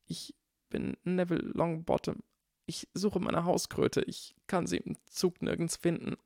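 A man's voice: high voice, little pitch movement, unhurried, creaky, a little mellow, no room sound, clean studio sound, pitched above the performer's own voice. A man voicing a timid, trembling young schoolboy with a tiny voice in a storybook reading.

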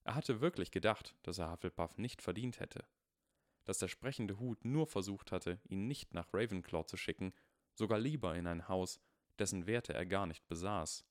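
A man calmly narrating a story as an audiobook reader. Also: low-pitched, moderate pace, dry recording, clean studio sound.

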